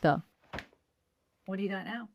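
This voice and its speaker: A woman's voice: medium pitch, normal speed, muffled recording, slight background noise. A woman co-hosting a casual podcast, answering in short, blunt reactions. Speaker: podcast co-host. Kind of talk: casual chat.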